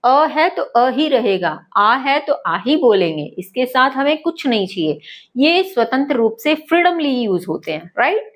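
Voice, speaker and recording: Patient woman teacher, slightly high voice. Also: big pitch swings, measured pace. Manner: patient, repeats and checks understanding. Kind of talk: online lesson.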